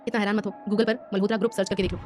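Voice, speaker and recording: A woman's voice: mid-range voice, flat delivery, rapid-fire, darkish tone, faint music behind, lightly acted. A woman voicing a curt young woman doctor in a storybook reading. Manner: curt, dry.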